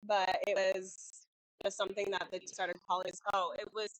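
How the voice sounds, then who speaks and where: A woman's voice: medium pitch, level tone, normal speed, no room sound, low-quality recording. A young adult woman, a team captain invited as guest, telling a story in a casual, upbeat way and saying "like" a lot. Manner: storytelling, upbeat, says "like" often. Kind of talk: casual chat.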